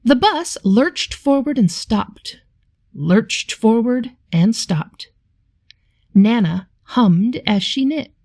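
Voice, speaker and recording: Slow, expressive woman reading a storybook. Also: fairly high pitch, dry recording, studio quality. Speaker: teacher reading stories to children. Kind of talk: expressive children's storybook read-aloud.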